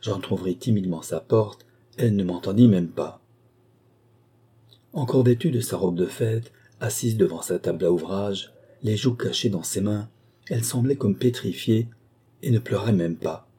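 A man reading a literary novel aloud as an audiobook narrator, in a measured, even storytelling manner. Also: fairly low pitch, husky.

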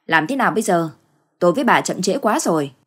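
A woman voicing a spiteful, slow-witted old father-in-law who grumbles. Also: fairly low pitch, lively intonation, breathy edge.

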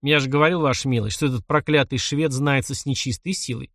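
A man's voice: mid-range voice, fairly even intonation, quick pace, fairly bright tone, no room sound, clean studio sound, natural voice. A man voicing a blunt, superstitious soldier corporal who talks in folksy soldier speech. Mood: grim.

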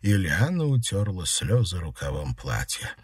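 A male audiobook narrator reads with a husky, somewhat low voice and a lively, rising and falling melody. The recording is close and dry. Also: normal speed, no echo.

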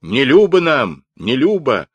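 A man voicing an angry crowd of Cossacks shouting defiantly in a storybook reading. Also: mid-range voice, very animated, unhurried, husky, dry recording, pitched above the performer's own voice, exaggerated voice. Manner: shouting, rowdy.

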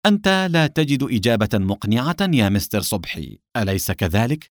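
A man's voice: medium pitch, very animated, fast, no echo, clean studio sound, natural voice. A man voicing a cold, sarcastic, corrupt police inspector in an audiobook. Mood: mocking. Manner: cold, mocking.

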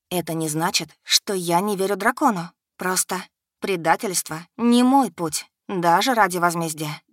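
A woman's voice: on the low side, dry recording, clean studio sound. A woman reading a first-person audiobook in a dramatic, tense storytelling manner. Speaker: audiobook reader.

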